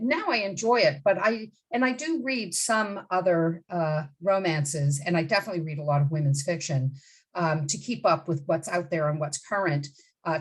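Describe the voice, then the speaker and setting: A fairly low-voiced woman in her fifties, originally from the Bahamas, speaking as a literary agent in an interview. She talks bluntly and with emphasis, and often breaks off to restart a sentence. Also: breathy edge, rough recording. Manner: direct and emphatic, with many asides and restarts. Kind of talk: interview answers.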